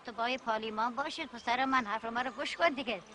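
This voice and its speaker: An actress playing a tender elderly grandmother who gently coaxes and soothes her grandson in a film drama. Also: a little high, a little hiss or hum. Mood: coaxing. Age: older. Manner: gentle, affectionate, coaxing.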